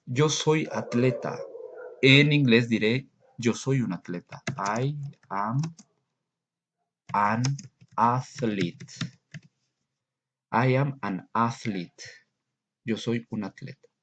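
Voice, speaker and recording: A man teaching English grammar in a recorded lesson, slowly and patiently explaining and repeating examples. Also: mid-range voice, a bit bright, highs cut off, slight background noise.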